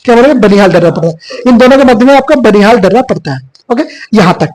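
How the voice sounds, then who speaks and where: Hoarse man teaching at a whiteboard. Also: high voice, animated, very fast, darkish tone, rough recording. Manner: repetitive, quizzing students with filler 'bhaiya'. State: hoarse from a cough. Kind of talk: classroom geography lesson. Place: classroom with whiteboard.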